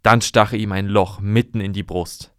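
Low-voiced man telling a fairy tale. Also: fairly even intonation, moderate pace, fairly bright tone, clean tone, no echo, studio quality. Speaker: storyteller. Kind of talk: reading a fairy tale aloud.

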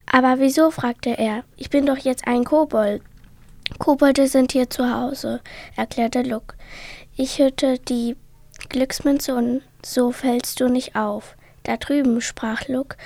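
A woman reading a children's bedtime story aloud, softly and partly in a whisper. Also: a little high, creaky, no room sound.

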